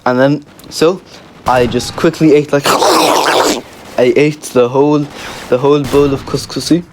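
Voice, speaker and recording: A man's voice: mid-range voice, steady tone, measured pace, very noisy. A man hosting a casual storytime video, playful and rambling, often restarting his sentences. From Egypt. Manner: rambling, playful, self-correcting. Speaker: YouTube gaming host.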